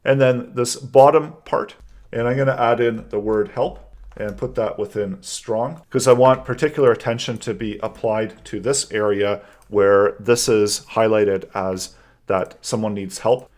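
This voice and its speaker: Calm man walking through a coding exercise. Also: fairly low pitch, unhurried. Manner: calm, methodical explaining while typing code. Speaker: coding instructor. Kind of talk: screen-recorded coding tutorial.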